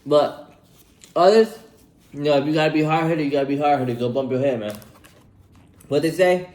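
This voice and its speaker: A man's voice: on the high side, normal speed, darkish tone. Laid-back young man, echoey room. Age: 20s. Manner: laid-back, slangy, repeats himself, tags lines with "bro". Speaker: vlogger giving life advice. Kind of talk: casual advice vlog while eating.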